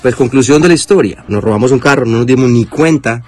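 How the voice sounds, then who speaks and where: A man casually telling a funny personal anecdote in an animated way, acting out what people said. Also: medium pitch, quick pace, background noise. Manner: animated storytelling, acting out quotes. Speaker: storyteller.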